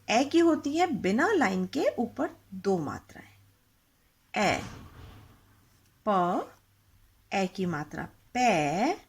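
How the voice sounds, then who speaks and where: Slow, lively-voiced woman teaching children. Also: a little high. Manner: patient, asks questions and repeats words for practice. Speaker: Hindi teacher.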